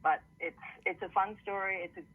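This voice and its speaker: A man's voice: high-pitched, steady tone, a little fast, breathy edge. A man, an author, giving conversational, explanatory interview answers over a narrow phone line. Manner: explanatory, storytelling. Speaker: author and TV producer being interviewed.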